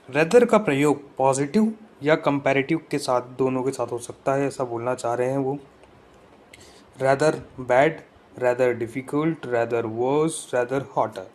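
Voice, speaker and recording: A man's voice: medium pitch, darkish tone. A man teaching an exam-prep grammar lesson, explaining rules step by step and often checking that his students follow.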